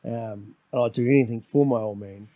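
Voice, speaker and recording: In a dry recording, a middle-aged Kiwi man holds forth as a podcast guest, loud and domineering in easy conversation. He rambles, repeats words at the openings of his sentences, and speaks briskly at medium pitch.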